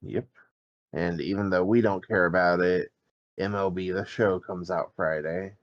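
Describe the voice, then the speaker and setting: Man, low voice, podcast co-host, matter-of-fact, dull lo-fi sound. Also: steady tone, a little slow. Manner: matter-of-fact, lists release dates. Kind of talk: casual chat.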